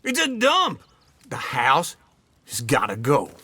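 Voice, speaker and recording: A man's voice: mid-range voice, huge pitch swings, takes it slowly, sharp tone, breathy edge, dry recording, heavily acted. An actor playing a crude old male drifter who mocks and needles in a video game. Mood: mocking.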